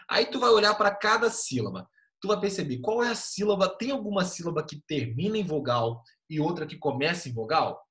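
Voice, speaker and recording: A man's voice: a little high, fairly bright tone. A young male teacher giving an online class over a computer mic, explaining step by step in a patient, casual way with easygoing slang.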